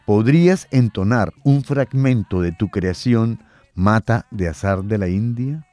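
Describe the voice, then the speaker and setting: A man hosting a radio interview, asking questions in a measured, formal way. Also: lowish voice, animated, mellow, no echo. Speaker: radio host.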